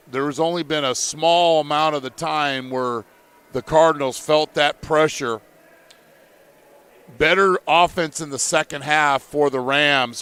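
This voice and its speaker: A man calling a live college basketball game play by play, in measured, steady calls. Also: on the high side, clean tone. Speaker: play-by-play commentator.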